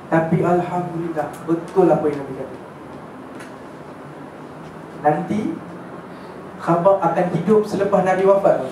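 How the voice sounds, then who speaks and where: A high-voiced man teaching a religious class, telling the story in a chatty way and often checking that his listeners follow. He is recorded from a distance in a very echoey hall. A faint hiss sits behind him. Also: warm tone. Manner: chatty, checks in with listeners, mixes in English words. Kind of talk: casual lecture storytelling.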